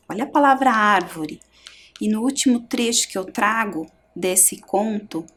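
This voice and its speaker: A middle-aged woman with a Brazilian Portuguese accent, teaching a primary school lesson and splitting words slowly and clearly into syllables. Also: mid-range voice. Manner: slow, clear syllable-by-syllable explanation.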